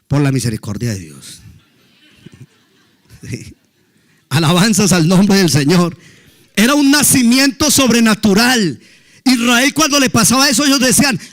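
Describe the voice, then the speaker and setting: A middle-aged male pastor, preaching a sermon with emphatic exclamations of praise. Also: sits high.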